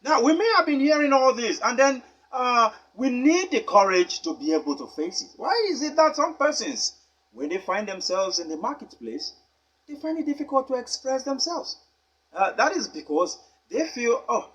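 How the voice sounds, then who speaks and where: A man teaching pronunciation, with a high, husky voice. His pitch swings widely as he stresses each point. He talks deliberately and spells words out letter by letter. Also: fairly bright tone, muffled recording. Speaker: English teacher. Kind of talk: pronunciation lesson.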